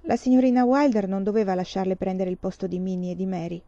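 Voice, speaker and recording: A woman voicing an earnest teenage girl who speaks with quiet indignation. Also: medium pitch, fairly even intonation, fast, no echo, natural voice. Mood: indignant. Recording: slightly dull, dry recording.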